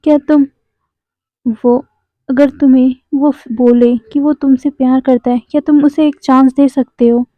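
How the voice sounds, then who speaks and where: Earnest pleading young man, read by a woman, halting delivery, high pitch, phone-like dry recording. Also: little pitch movement, dry recording. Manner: halting, repeats words when pleading. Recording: dry, tinny phone-like sound.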